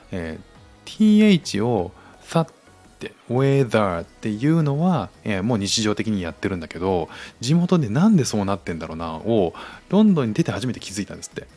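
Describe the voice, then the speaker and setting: A man's voice: on the low side, darkish tone. A man hosting a casual podcast monologue, talking with lots of fillers and restarts. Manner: hesitant, many fillers and restarts. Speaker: podcast host.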